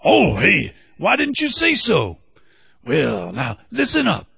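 A man voicing a giant, laid-back, funky male octopus in a children's audio story, with a gravelly, drawling, slangy way of talking. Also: a little high, huge pitch swings, takes it slowly, bright, forceful tone, no room sound, clean studio sound, exaggerated voice. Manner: cool, easygoing, slangy.

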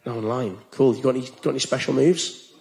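A man's voice: medium pitch, quick pace, vocal fry, darkish tone. Teasing man hosting a comedy interview. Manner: teasing, sarcastic, escalating mock outrage. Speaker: comedy show host. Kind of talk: comedic interview, mock-accusatory banter. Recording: roomy echoey venue.

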